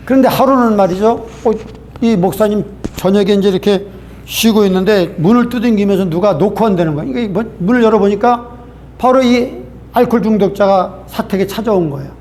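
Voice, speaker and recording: Male pastor, high-pitched, earnest sermon storytelling with rhetorical questions. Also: brisk, a little mellow, slight background noise.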